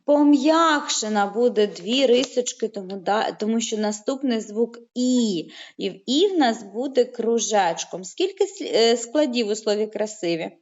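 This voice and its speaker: A woman teaching young children in an online lesson, patient and encouraging, stretching words out slowly, heard through a video call. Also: on the high side, lively intonation, a little mellow. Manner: slow, drawn-out syllables when saying words aloud. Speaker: primary school teacher. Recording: muffled online call audio.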